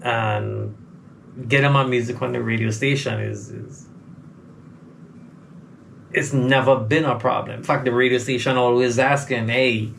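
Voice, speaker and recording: Speaking a little slowly with vocal fry and long pauses, a Trinidad-born recording artist with only a faint trace of his accent left answers a casual interview hesitantly, repeating words as he begins. His medium-pitched, fairly even voice is a bit bright. The low-quality recording carries slight background noise.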